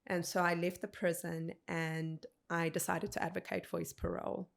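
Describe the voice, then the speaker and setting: A woman in her thirties from South Africa, a podcast guest telling a personal story in an earnest, measured way, quoting what people said. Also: lowish voice, level tone, creaky. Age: 30s.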